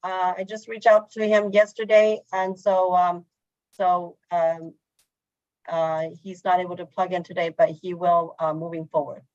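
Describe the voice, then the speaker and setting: Halting woman hosting a video call. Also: fairly low pitch, level tone, a little mellow, no echo. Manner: halting, with frequent fillers. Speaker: meeting host. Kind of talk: casual online meeting talk. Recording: dull lo-fi call audio.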